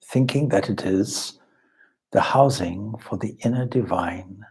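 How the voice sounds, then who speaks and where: Leading a guided meditation, this man speaks calmly and with measured, deliberate pauses. As a spiritual teacher, his voice is lowish, husky, and breathy.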